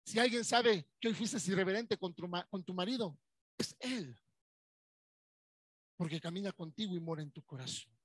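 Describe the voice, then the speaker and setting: A man's voice: sits high, moderate pace, pauses often, dry recording. A man with a Mexican accent preaching a Sunday sermon as pastor, in a conversational way. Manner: conversational preaching, acts out churchgoers' voices.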